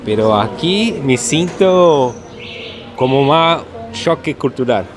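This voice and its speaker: Halting Brazilian man on a busy street. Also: medium pitch, animated, crowd noise. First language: Portuguese. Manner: halting non-native Spanish, searching for words. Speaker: tourist being interviewed. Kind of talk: casual chat. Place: outdoors on a city street. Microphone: phone held nearby by another person. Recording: busy street noise behind.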